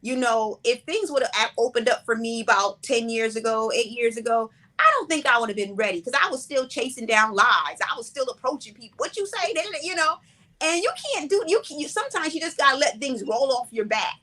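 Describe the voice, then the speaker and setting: Her voice sits on the high side and her delivery is brisk as this playwright and director in her forties answers interview questions. She remains relaxed, reflective and conversational.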